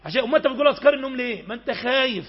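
High-voiced, fast Egyptian preacher. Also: male voice, animated, breathy edge. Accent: Egyptian Arabic. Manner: impassioned, urgent preaching with sudden raised outbursts. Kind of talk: sermon. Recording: dull lo-fi recording.

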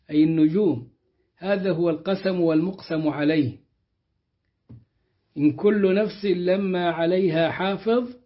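A man teaching a Quran commentary lesson, explaining verses in a measured way and slowing down when he quotes them. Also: high-pitched. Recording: dull lo-fi recording.

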